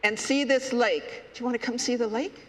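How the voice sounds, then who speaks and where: A man voicing a cheerful hoopoe bird that leads the others in a children's story, coaxing and unhurried. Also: very high voice, fairly even intonation. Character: eager guiding hoopoe bird, storybook leader. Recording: echoey hall.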